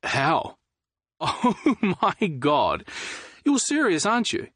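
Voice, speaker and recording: A man voicing an excitable young city man who is easily outraged, talking loudly and exclaiming. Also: mid-range voice, measured pace, no room sound. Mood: excited. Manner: loud, animated and exclaiming.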